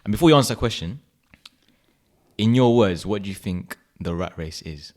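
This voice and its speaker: A man's voice: fairly low pitch, lively intonation, normal speed, a little mellow. A man in his late twenties with a London accent, co-hosting a podcast in laid-back, slangy chat. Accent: London English. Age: 20s. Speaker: podcast co-host. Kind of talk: casual chat.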